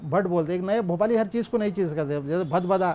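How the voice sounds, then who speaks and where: Mellow high-voiced man reflecting. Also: fast, slight background noise. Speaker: interviewee. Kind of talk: reflective documentary interview. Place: indoor room.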